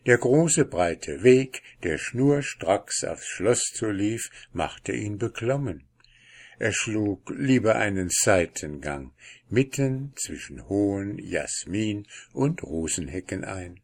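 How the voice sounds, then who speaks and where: Slow, unhurried male fairy-tale reader, calm delivery. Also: fairly low pitch. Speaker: narrator.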